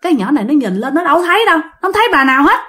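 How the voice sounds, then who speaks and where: A woman casually telling a ghost story, animated and speaking directly to her listeners. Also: high-pitched, very fast.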